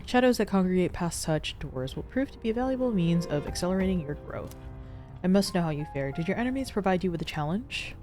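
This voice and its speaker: A woman's voice: on the low side, animated, quick pace, a little mellow, faint music behind, lightly acted. A woman reading aloud as a polite android girl. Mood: formal.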